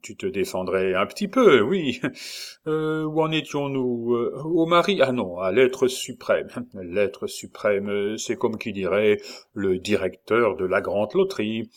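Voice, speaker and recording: A man's voice: fairly low pitch, animated, unhurried. A man voicing a jovial, mocking and menacing male traveling salesman in an audiobook, teasing with many fillers. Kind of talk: audiobook character voice.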